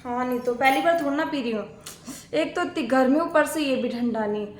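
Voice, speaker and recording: Her natural, high-pitched voice moves a little fast as she acts out a demanding married sister-in-law in a family-made skit, grumbling and giving orders. The recording has an echoey room sound.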